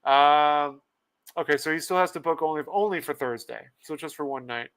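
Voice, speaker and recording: Male host, casual livestream chat, chuckling, reads comments aloud, slightly high, smooth tone. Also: moderate pace, fairly bright tone. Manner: laughs often, reads viewer comments aloud. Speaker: podcast host.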